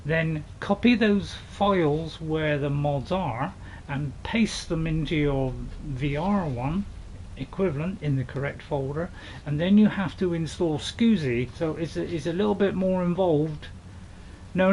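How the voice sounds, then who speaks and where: Brief: male gaming host, chatty rambling commentary with excited outbursts, slightly high pitch. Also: unhurried, slight background noise. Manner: chatty and rambling, with sudden loud excited shouts. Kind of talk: casual gameplay commentary.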